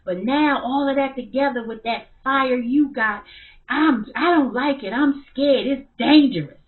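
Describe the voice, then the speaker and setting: A woman's voice: very animated, slow, full character voice. A woman quoting her frightened grown son. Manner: shaky, strained, high and loud. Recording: tinny phone-like sound.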